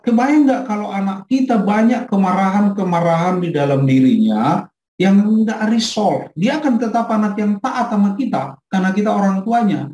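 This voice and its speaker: A middle-aged man, a pastor, teaching a parenting class in a lively way and acting out quotes from his child. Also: high voice. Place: church hall. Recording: echoey room.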